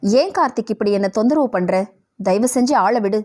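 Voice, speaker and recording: A woman's voice: mid-range voice, close to an everyday voice. A woman voicing a cheerful young female college student, the heroine of an audio novel. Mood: irritated. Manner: bright and lively, quick to laugh.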